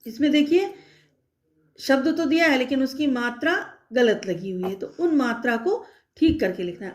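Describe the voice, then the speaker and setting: A woman teacher giving a slow, patient recorded lesson to young children, spelling out letters and checking in often. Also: high voice.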